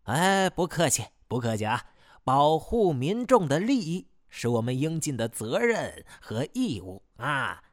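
A man's voice: on the low side, very animated, heavily acted. A man voicing a vain, pompous male police chief who speaks in a smug, officious way. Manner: smug, officious, drawn-out speech.

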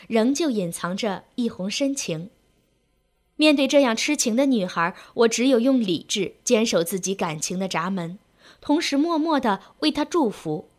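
Woman, story reading, emotive, sentimental, fairly high voice, lively pitch.

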